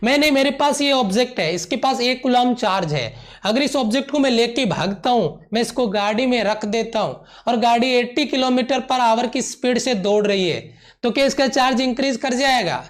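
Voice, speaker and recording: A man teaching a live online physics class, repeating each point and gently calling his students "beta". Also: very high-pitched, normal speed. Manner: mixes English terms into Hindi.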